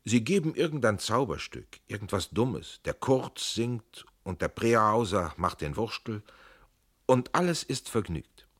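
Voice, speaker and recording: A man voicing an excitable Sicilian gentleman who talks with indignant fervor. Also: lowish voice, measured pace, husky, no echo, studio quality, heavily acted. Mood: scornful. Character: hot-tempered Sicilian man, voluble.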